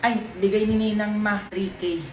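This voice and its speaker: A woman's voice: medium pitch, fairly even intonation, moderate pace, slight background noise. A woman playing a child in a comedic skit, answering her mother in an offhand way. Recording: echoey room with music.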